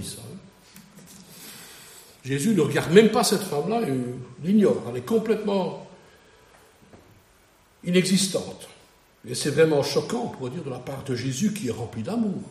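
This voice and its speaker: A man's voice: on the high side, a little mellow, reverberant, recorded from a distance. A man preaching a sermon, reading a Bible passage and then talking it over in a conversational way with rhetorical questions.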